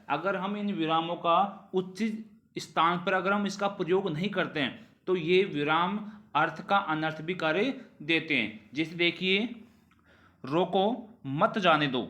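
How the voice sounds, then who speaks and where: The man's voice sounds pushed and bright as he teaches grammar revision. He asks rhetorical questions and repeats phrases, with his pitch sinking at sentence ends.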